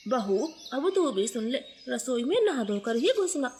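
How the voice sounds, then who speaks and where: A woman voicing a bitter, taunting old mother-in-law bird in a cartoon, speaking in a harsh, sharp-tongued way. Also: on the high side, sing-song, a little slow, a little hiss or hum. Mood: contemptuous.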